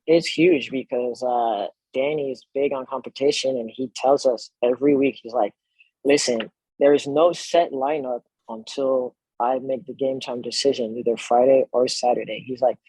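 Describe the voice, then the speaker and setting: A man's voice: medium pitch, husky, no room sound, low-quality recording. A French-born man whose first language is French, a professional soccer player chatting easily as a podcast guest. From France. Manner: relaxed, chatty, laughs easily. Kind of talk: casual podcast interview.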